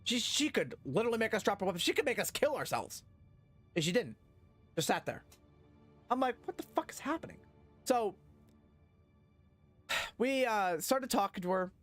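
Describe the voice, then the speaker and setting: A man hosting a gaming channel, recapping his playthrough in a rambling, profane, excitable way with plenty of fillers. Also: high voice, moderate pace, pauses often, soft background music. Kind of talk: casual game recap.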